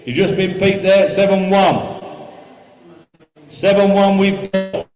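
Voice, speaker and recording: High-pitched auctioneer in echoey hall. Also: male voice, level tone, slow, darkish tone. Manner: repetitive chanting of bids and figures. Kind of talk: live auction calling. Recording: echoey hall sound with music behind.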